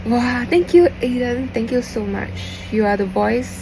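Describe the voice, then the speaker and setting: A young woman with a Singaporean accent talks in a creaky voice, as in a heartfelt, rambling voice message. She leans on repeated phrases and Singlish particles and drops into Mandarin at times. Clear background noise sits behind her. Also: lively intonation, a little slow. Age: young adult. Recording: noisy, vehicle-like background rumble.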